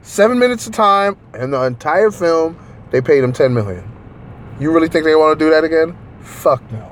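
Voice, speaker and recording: A man co-hosting a podcast in casual chat, animated and profane, rambling with frequent laughs. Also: fairly high pitch, moderate pace, a little hiss or hum. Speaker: podcast co-host.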